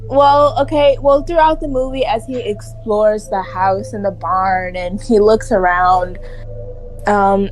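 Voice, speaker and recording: A young woman rambles animatedly as she retells a movie to her friends, acting out bits of dialogue and swearing along the way. Her voice is medium-pitched, and the audio quality is poor.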